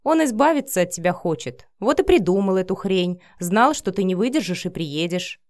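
A woman's voice: fairly low pitch, lively intonation, moderate pace, darkish tone. A woman reading an audiobook, voicing a mocking, teasing grown man and father. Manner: smirking, teasing. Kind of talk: audiobook character voice.

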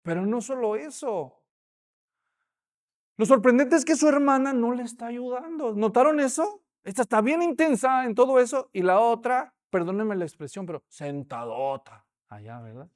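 Male preacher, animated sermon storyteller who questions his audience. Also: extremely high pitch, moderate pace.

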